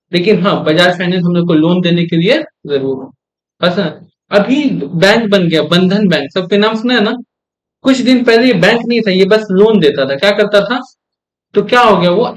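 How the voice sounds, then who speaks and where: A young male commerce teacher with a high-pitched voice gives a lecture. He keeps pausing to ask the class quick check questions and repeats the key terms back for emphasis.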